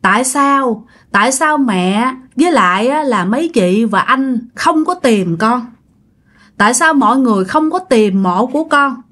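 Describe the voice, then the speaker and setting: A woman's voice: fairly high pitch, lively intonation, unhurried, a bit bright. A woman with a Southern Vietnamese accent voicing the grieving spirit of a dead young girl, pleading in tearful reproach. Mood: reproachful grief.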